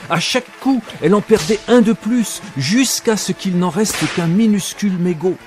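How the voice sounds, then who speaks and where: Over a music bed, an actor narrates an audio drama as a man recalling a childhood circus mishap, his wistful, vivid telling swinging expressively from hushed to excited. His voice sits high and near everyday speech, at normal speed, with an excited, vivid mood.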